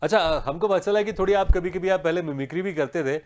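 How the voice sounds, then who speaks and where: A male news-channel host with a slightly high voice. He asks long, winding questions, repeating words as he goes, and laughs easily. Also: fast talker. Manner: laughs often, encouraging. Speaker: host, interviewer. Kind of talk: TV interview.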